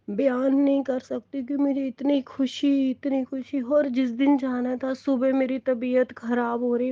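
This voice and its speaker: A middle-aged woman, giving a slow, tearful, heartfelt devotional testimony. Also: fairly high pitch, no echo, muffled recording. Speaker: devotee sharing a satsang testimony. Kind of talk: emotional personal testimony.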